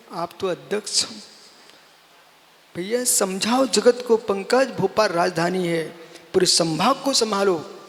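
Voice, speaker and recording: A man's voice: sits high, a bit bright, a little hiss or hum. A man giving a sermon as a monk, exhorting his listeners, calling them by name and repeating phrases for emphasis. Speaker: Jain monk preacher. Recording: long hall reverb.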